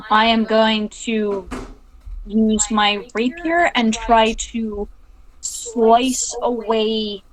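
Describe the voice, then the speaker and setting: A woman's voice: fairly high pitch, flat delivery, drawn-out words, rough recording. A woman playing a tabletop game over voice chat, thinking aloud in a casual way and swearing when flustered.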